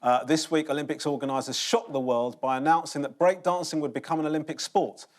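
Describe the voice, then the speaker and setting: A man's voice: on the high side, steady tone, fairly quick. A man hosting a comedy panel show with dry joking delivery. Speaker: host. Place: TV studio with audience.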